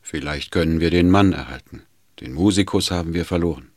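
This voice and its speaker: A man's voice: low voice, brisk, a little mellow, no room sound, clean studio sound. A man voicing a cool, taciturn older doctor who speaks tersely and matter-of-factly.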